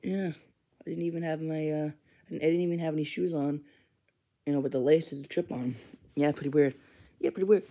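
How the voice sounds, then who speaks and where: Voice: mid-range voice, steady tone, dark tone, close to an everyday voice. Brief: a fan doing a jumpy, whiny teddy bear guy for a plush toy skit, always pleading. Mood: nervous. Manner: jittery, pleading, quick to panic. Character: nervous, put-upon male teddy bear sidekick.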